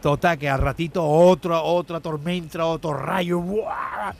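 A man, telling jokes in a lively way on a radio show and laughing at his own punchlines. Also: a little high, measured pace, creaky. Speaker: radio joke teller.

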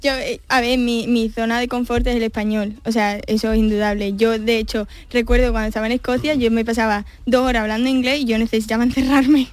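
A woman's voice: on the high side, level tone. A woman, a guest chatting about learning languages. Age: 20s. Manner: quick chatty with fillers. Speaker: guest, English teacher. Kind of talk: casual interview chat.

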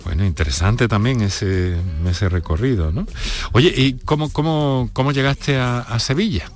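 A man's voice: mid-range voice, normal speed. A man hosting a radio interview, asking curious, prompting questions.

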